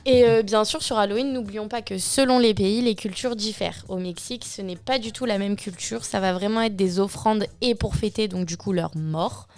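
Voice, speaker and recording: A woman's voice: mid-range voice, moderate pace, few pauses, a little mellow. A young woman, a student co-presenter, explaining things casually on a radio show. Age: young adult. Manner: explanatory, fillers like du coup. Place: radio studio.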